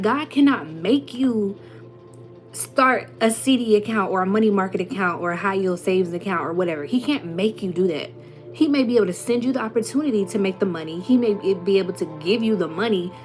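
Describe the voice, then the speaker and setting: Speaking at a medium pitch, a young spiritual content creator motivates her viewers in a relaxed but emphatic way. Slang and little acted-out voices run through her talk, with gentle music in the background.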